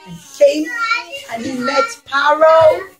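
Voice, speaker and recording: In a classroom, a middle-aged woman who teaches preschool narrates a story for little kids with simple, repetitive, emphatic wording. She speaks slowly in a high voice, and the audio quality is poor.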